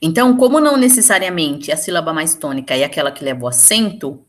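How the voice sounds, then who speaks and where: A woman teaching a Portuguese grammar lesson for exam preparation, explaining step by step and slowing down to stress example words. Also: low-pitched, animated. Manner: explains step by step, often checking in with "certo?".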